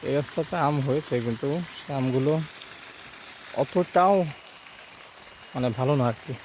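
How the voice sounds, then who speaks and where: Here the young man sounds a little mellow, his mid-range voice moving at a normal speed over poor audio with a slight hiss or hum. Walking outdoors through his village's fields and around a pond, the Khulna-accented Bengali vlogger chats casually and coaxes the animals.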